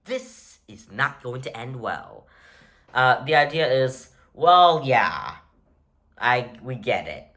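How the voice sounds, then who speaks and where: Animated, bright-voiced comedic space ranter. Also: medium pitch, slow. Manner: sarcastic, exasperated, dramatic emphasis on repeated words. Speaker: space enthusiast commentator. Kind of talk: escalating comedic rant about space.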